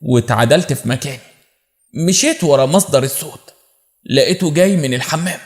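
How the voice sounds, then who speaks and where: Egyptian guy telling a drama story in first person, kinda high voice. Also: expressive, brisk. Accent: Egyptian Arabic.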